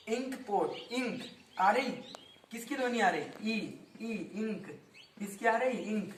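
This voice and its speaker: A young male teacher with a high voice explains grammar in Hindi, repeating words, quizzing his students, and often stopping to correct his own slips. He is far from the mic, so the sound has a roomy echo and faint background noise.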